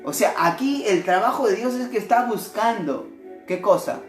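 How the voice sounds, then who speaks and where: A male missionary preacher delivering a devotional sermon in an animated way, often asking his listeners rhetorical questions. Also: sits high, moderate pace. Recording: echoey room with faint music.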